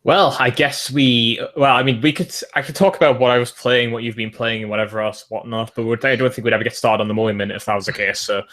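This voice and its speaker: A man's voice: medium pitch, fairly even intonation, fast, few pauses, a bit bright. A man co-hosting a casual podcast, laid-back and playfully riffing on jokes. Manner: joking, laid-back, riffs on silly ideas. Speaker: podcast co-host.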